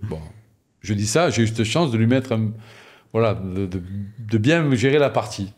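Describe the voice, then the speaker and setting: A middle-aged man from southern France, a former rugby player, telling lively anecdotes in a casual interview and acting out other people's voices. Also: fairly low pitch, moderate pace, husky. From Toulon, southern France.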